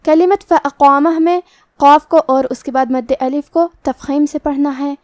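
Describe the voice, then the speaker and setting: Woman explaining recitation rules, high steady voice, super dry close sound. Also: no room sound. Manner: methodical, repeats rules in set phrases; slow drawn-out chanted recitation. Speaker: Quran recitation teacher. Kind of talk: step-by-step tajweed lesson.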